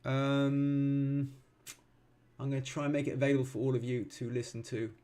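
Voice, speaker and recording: A man in his forties giving live trading commentary, thinking aloud calmly and explaining as he goes, with frequent ums and self-corrections. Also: mid-range voice, normal speed. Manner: calm, explanatory, teaching as he watches. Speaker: futures trader streaming live.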